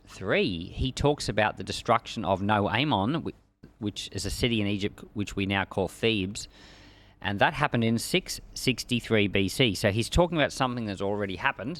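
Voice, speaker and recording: Reading the Bible and teaching from it in an informal expository sermon, a man preaches emphatically yet conversationally. His voice sits on the low side with a fairly bright tone.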